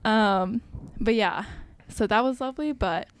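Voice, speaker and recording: A woman's voice: medium pitch, a little slow, smooth. A young adult woman co-hosting a podcast, chatting casually with lots of "like" fillers and acted-out quotes. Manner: chatty, full of "like" fillers, acts out quoted speech. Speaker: podcast co-host. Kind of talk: casual chat.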